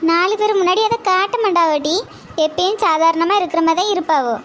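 A motherly elder-sister villager with a southern Tamil accent scolds and gives advice, as a woman voices her. She sounds very high and cartoonish, with faint noise behind her. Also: a little fast, a bit bright. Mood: lecturing.

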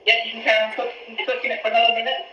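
Here a pasta supplier walks through each cooking step from his home kitchen during a live stream, speaking rapid-fire in a very high-pitched, completely flat voice. Picked up by a camera a few feet away on a video call, the audio is muffled and echoey.

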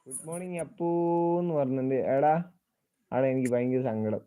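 A man hosts a casual live stream, chatting, teasing and greeting viewers by name while reading their comments. His mid-range voice is smooth and dark-toned, fairly quick, and the sound is dry and slightly dull with no echo.

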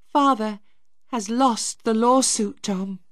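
A woman reading a storybook voicing a distraught teenage girl, high and tearful. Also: slow pace, no room sound, clean studio sound.

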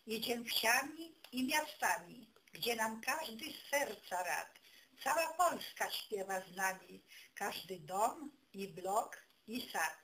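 A woman giving a folk poetry recital, declaiming rhymed festive verse in measured phrases with pauses between them. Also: fairly high pitch, very animated. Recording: clearly noisy amateur recording.

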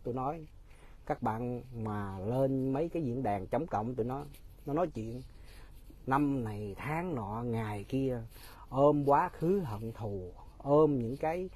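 A man's voice: medium pitch, expressive, unhurried, a little mellow. A man giving casual, mocking political commentary straight to his viewers, often laughing.

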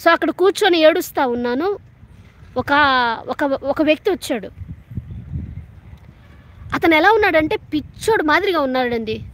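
A woman's voice: high voice, lively intonation, moderate pace, pauses often. A woman of about thirty, an evangelist telling her personal religious testimony in an earnest, emotional way. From Telangana, India. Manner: earnest, emotional storytelling with many restarts.

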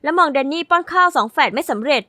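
A woman narrates a first-person diary story with lively, sassy delivery. Her voice sits high and sounds bright and forward. The recording is close and dry, with no room sound. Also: fast, dry recording.

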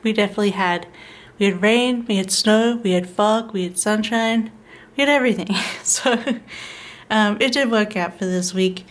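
A woman's voice: mid-range voice, normal speed. A young woman talking casually over her planner video, rambling along with frequent ums and small laughs. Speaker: planner vlogger.

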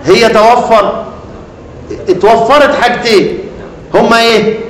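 High-voiced Egyptian teacher in an echoey hall. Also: male voice, steady tone, a little slow. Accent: Egyptian Arabic. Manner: asks students leading questions, then answers them. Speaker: Quran recitation teacher. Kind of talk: classroom lesson. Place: lecture hall.

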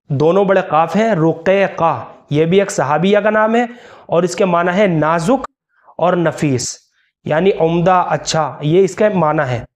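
A man teaching as a religious scholar, slowly spelling out names letter by letter in a careful instructional talk. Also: sits high. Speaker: Islamic scholar.

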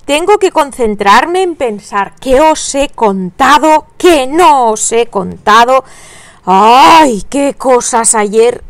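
Lady crocheting and counting stitches out loud, chatty, high voice, dry close sound. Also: lively intonation, slow pace, no echo. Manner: chatty, counts stitches aloud, sudden bursts of high laughter. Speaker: crochet channel host. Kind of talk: casual crochet-along chat.

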